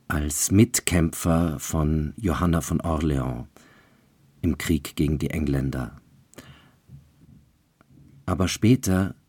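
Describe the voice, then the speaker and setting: Slow, deep-voiced male storyteller. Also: mellow, slightly rough, dry recording. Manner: measured, deliberate narration. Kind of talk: fairy-tale storytelling.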